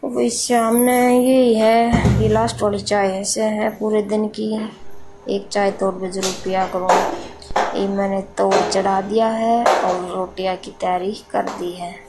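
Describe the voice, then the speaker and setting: A woman, calmly narrating her village chores in a homely running commentary for her vlog. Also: medium pitch, a little slow, over loud music. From India. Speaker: village life vlogger. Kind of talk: casual voice-over narration of daily chores.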